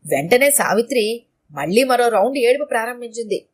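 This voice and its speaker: Woman storyteller, higher voice, lively expressive narration. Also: moderate pace.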